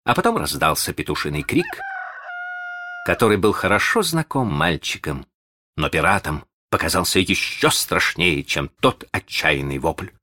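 A man narrating a children's story aloud in a dramatic, animated manner. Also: low voice, normal speed, no room sound. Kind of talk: expressive audiobook narration.

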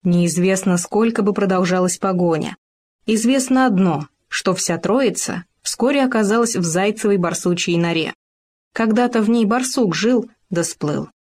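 A woman narrating a children's animal story in a lively, expressive way. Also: mid-range voice. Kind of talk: storybook reading.

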